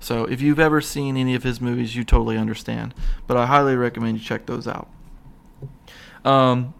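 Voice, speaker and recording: A man's voice: mid-range voice, steady tone, brisk, vocal fry. A man hosting a podcast, chatting casually about comedy movies, rambling with lots of fillers and restarts, chuckling as he retells scenes. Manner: laughs while retelling scenes. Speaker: podcast host.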